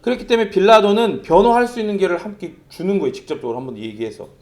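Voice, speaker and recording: Talking very fast in a high voice with a darkish tone, a middle-aged pastor delivers a sermon as a conversational story. He brings it to life with vivid imitations of sounds.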